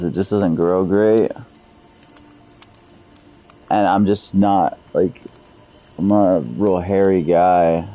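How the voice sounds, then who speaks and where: Deep-voiced man in his thirties, profane streamer. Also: highs cut off. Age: 30s. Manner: profane, loose, chatty with viewers. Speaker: game streamer. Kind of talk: casual live-stream chat.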